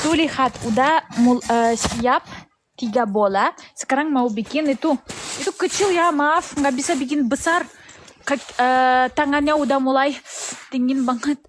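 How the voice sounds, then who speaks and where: A Russian woman speaks Indonesian with a Russian accent during a casual outdoor live stream in the snow, pausing now and then to find the right words. Her voice is high-pitched, and background noise is present.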